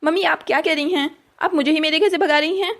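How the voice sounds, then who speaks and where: A woman's voice: high voice, fast. A woman voicing an upset teenage son in a cartoon story, urgent and pleading.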